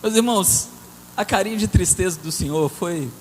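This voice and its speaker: Male preacher, very high voice, lively storytelling sermon, long church reverb with faint hiss. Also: moderate pace. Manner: storytelling, animated, swings between loud and soft. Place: church hall.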